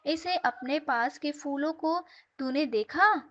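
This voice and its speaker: A woman's voice: high-pitched, slow, a bit bright. A woman voicing a rich, greedy merchant who boasts and coaxes, heard on a dull lo-fi recording. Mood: pleading. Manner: coaxing, boastful pleading.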